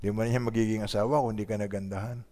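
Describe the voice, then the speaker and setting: A man's voice: lowish voice, steady tone, very fast, dark tone. A man preaching an online sermon, mixing Tagalog and English and building to emphatic peaks. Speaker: pastor. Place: home during lockdown.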